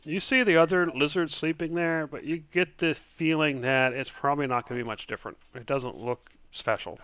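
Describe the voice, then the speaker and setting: A man with a smooth, resonant voice runs a tabletop game session. He talks in a relaxed way, filling pauses with ums while he describes creatures and calls for rolls. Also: on the high side. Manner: relaxed, many fillers, describes actions and rolls. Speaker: game master.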